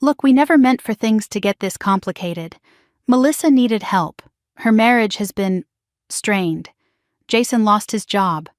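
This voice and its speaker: A woman's voice: medium pitch, unhurried, no room sound, clean studio sound, natural voice. A woman voicing a stern, defensive middle-aged father who speaks in curt, commanding lines in a storybook drama.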